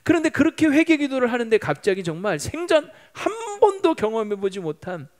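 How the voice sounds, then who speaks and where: A man's voice: very high voice, very animated, fairly quick, a little mellow. A middle-aged male pastor preaching a Sunday sermon in a church, telling a story and acting out the prayers of the people in it. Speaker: senior pastor. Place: church sanctuary.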